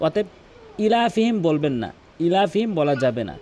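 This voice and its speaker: High-voiced man teaching recitation. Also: very animated, darkish tone. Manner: explains slowly, then recites phrases drawn out with a raised pitch. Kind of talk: tutorial on Arabic pronunciation.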